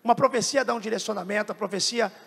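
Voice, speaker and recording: A Brazilian pastor with a very high, gravelly voice preaches with fervent exclamations, questioning congregants and breaking into tongues. His voice rings through a large reverberant church hall. Worship music plays clearly beneath him. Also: fast, fairly bright tone. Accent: Brazilian Portuguese. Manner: emotive and exclamatory, bursts into speaking in tongues; talks directly to congregants, questioning them. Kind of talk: prophetic preaching at a televised church service.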